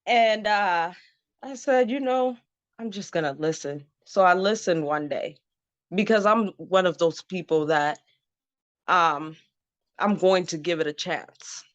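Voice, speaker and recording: Her pitch sits fairly low and her pace is measured, with no room sound at all. This Zimbabwean woman in her thirties, a guest being interviewed, shares a frank personal story in a relaxed way, laughing often and filling gaps with "um" and "you know". The audio is dry, dull and lo-fi.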